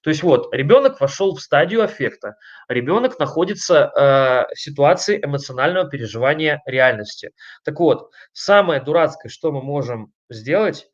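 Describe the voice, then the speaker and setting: A man giving an online lecture on family communication, talking emphatically and conversationally, putting questions to his listeners and pausing on fillers between points. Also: medium pitch, lo-fi sound. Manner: emphatic, conversational, addresses listeners directly with frequent rhetorical questions.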